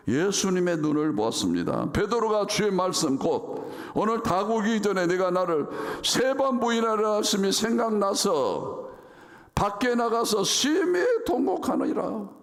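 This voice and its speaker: A man preaching a sermon as pastor in a church, reading scripture dramatically and acting out the quoted lines. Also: fairly high pitch. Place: church sanctuary. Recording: reverberant church sanctuary.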